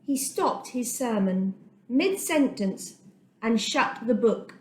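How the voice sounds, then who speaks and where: A storyteller reads a Bible story for kids in a fairly high voice with lively intonation, her phrasing dramatic and deliberate, full of emphasis. There's an echoey room and slight background noise.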